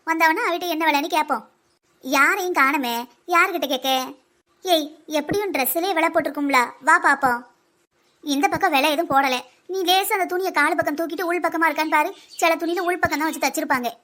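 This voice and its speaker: A woman voicing a bossy, chatty older village mother-in-law in a cartoon, with a southern Tamil Nadu accent and a girlish voice. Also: pushed and bright. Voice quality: high, girlish voice for her age. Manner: teasing, bossy scolding. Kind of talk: village comedy cartoon dub.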